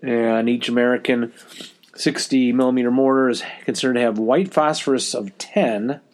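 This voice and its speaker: A male podcast host talks casually through hobby details with a slight cold. His voice sits at a medium pitch. It is a homemade basement recording, echoey and short of studio quality. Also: fairly even intonation, normal speed. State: has a cold. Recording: echoey basement, lower-quality home mic.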